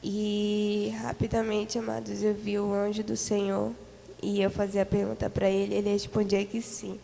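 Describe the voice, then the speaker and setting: A Brazilian woman recounts a vision in an earnest, repetitive way, her voice a little gravelly and her pitch kept flat. She speaks in a church hall with a long echo and faint background hiss. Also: normal speed. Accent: Brazilian Portuguese. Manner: earnest, repetitive storytelling with many fillers. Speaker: church member giving testimony. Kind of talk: spoken testimony of a vision.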